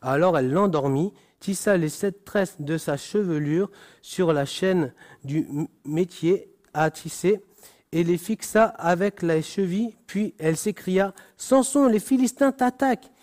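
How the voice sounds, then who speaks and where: A man preaching, reading a Bible passage slowly and deliberately, stumbling and correcting himself now and then. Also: a little high, darkish tone. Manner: slow, deliberate reading with frequent restarts and apologies.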